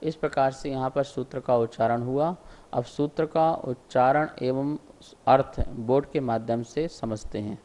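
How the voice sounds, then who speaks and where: A man's voice: mid-range voice, steady tone, a little mellow. A man teaching a scripture lesson, pronouncing each term syllable by syllable and explaining it step by step. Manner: explains syllable by syllable, drawn-out words. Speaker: religious teacher. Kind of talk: slow recitation lesson.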